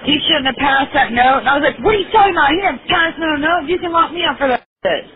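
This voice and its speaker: A woman's voice: high-pitched, fast, no echo. A woman inmate on a recorded jail phone call, animatedly retelling what others said to her. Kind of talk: casual phone chat. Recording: tinny jail phone line.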